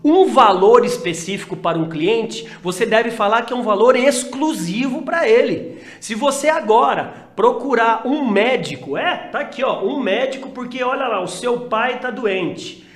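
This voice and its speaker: A man's voice: very high voice, animated, moderate pace. A man, a sales and motivation speaker, talking directly to his listeners and calling them friends. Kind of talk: motivational talk. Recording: very echoey room.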